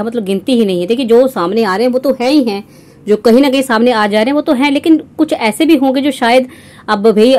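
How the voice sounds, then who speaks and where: A young woman reaction vlogger speaks straight to her viewers in scornful commentary, mocking and sarcastic, often ending her lines with a rhetorical question. Her voice is a little high with a dark tone.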